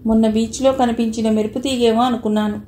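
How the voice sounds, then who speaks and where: A woman's voice: on the high side, little pitch movement, fast talker, warm tone, slight background noise, lightly acted. Woman reading as a teasing young man. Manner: teasing and coaxing. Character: young man of twenty-five, playful lover. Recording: echoey room.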